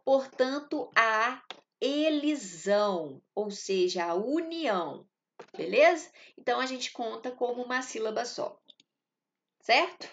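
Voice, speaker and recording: A woman's voice: on the high side, expressive, slow pace, muffled recording, a little hiss or hum. A woman with a Brazilian Portuguese accent teaching a literature lesson. She explains step by step and often stops to check that the class is following. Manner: explanatory, checks in often with short tag questions.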